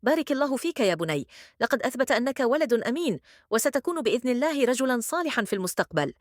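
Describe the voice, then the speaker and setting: A woman voicing a grateful, kindly father in a children's story, speaking in a warm, blessing tone. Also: medium pitch, quick pace, no room sound, studio quality, close to an everyday voice.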